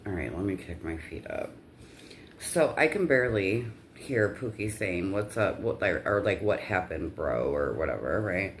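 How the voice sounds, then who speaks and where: A woman's voice: rumbling low, expressive, moderate pace, slight background noise. A woman telling a personal story in a casual vlog rant, with blunt, profanity-heavy delivery.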